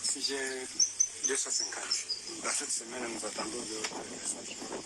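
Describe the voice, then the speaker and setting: Hesitant herder amid loud outdoor noise. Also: male voice, mid-range voice, fairly even intonation, unhurried. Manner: hesitant, repeating words. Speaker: cattle herder interviewed. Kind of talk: field interview.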